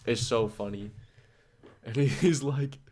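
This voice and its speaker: A man's voice: medium pitch, slow, a little mellow. A man in his twenties chatting loosely on a study livestream, full of filler "like"s as he drifts between stories. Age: 20s. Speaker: study streamer. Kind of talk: casual rambling chat on a livestream.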